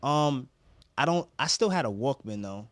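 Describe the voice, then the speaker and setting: A man's voice: mid-range voice, moderate pace, no echo. A man telling stories casually in slangy speech, acting out what people said. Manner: slangy, animated retelling with acted-out quotes. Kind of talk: casual storytelling chat.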